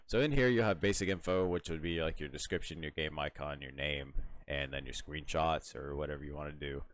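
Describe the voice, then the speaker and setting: A young man with a very deep, low voice walks through a software tutorial in a loose, rambling way. He fills his talk with "uh" and "like", restarts his sentences and yawns now and then. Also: fairly quick, no echo. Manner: rambling, lots of fillers and restarts, yawning. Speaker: tutorial host. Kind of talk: casual screen-recorded software tutorial.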